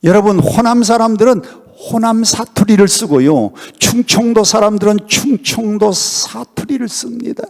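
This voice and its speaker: A man's voice: sits high, normal speed, creaky, few pauses. An older man preaching a revival sermon as guest pastor, putting emphatic questions to the congregation. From Honam, South Korea. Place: church sanctuary at a revival meeting. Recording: long reverb in a church hall.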